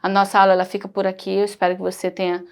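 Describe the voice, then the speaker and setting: A woman's voice: medium pitch, monotone, very fast, clear, resonant tone. A woman teacher with a Brazilian Portuguese accent, giving a recorded primary school lesson in a patient, explanatory way and pointing things out as she goes.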